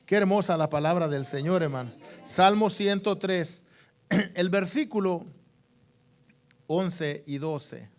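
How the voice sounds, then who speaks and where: A man's voice: high-pitched, slow, long pauses, faint music behind. A man preaching a sermon as pastor, calling for amens and repeating phrases for emphasis.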